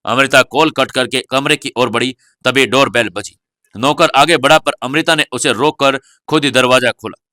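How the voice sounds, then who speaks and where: A male storyteller reading a serialized audio novel with a steady, even delivery. His voice is bright and forward, and the recording is dry and close with no room sound. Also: medium pitch, moderate pace, dry recording. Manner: steady storytelling, voicing every character. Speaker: narrator. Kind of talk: scripted audio-novel narration.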